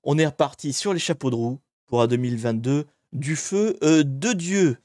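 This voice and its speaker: A man hosting a casual live hacking stream from a home green-screen setup, lively and joking as he greets viewers one by one on a desk microphone. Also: fairly high pitch, moderate pace, no room sound, studio quality.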